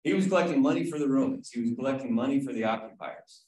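Over a video call in a very echoey room, a man teaches a casual Bible study, chatting with the group, asking them questions, and frequently checking in with "right?". His mid-range voice is fast and a little mellow.

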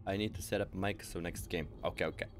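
A man streaming a game live, chatting casually and playfully, thinking out loud and humming nonsense syllables while he plays. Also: low voice, steady tone, fast, over music. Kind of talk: casual live gameplay chat.

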